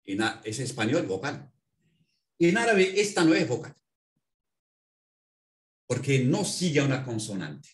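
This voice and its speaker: A man teaching a language in an interview, patiently explaining and spelling out words slowly. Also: medium pitch, very animated, echoey room. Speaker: Arabic language instructor.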